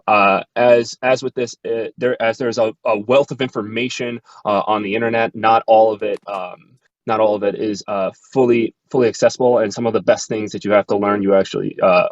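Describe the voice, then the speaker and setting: A man explaining his grant plans on a video call, halting often with many fillers and restarts. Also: on the low side, no room sound, dull audio. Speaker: grant finalist.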